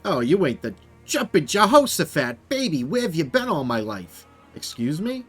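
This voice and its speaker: A man voicing a brash, fast-talking male hat photographer who flatters everyone and calls them baby, in a video game. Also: on the high side, breathy edge, faint music behind, voice pushed up. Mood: pushy flattering.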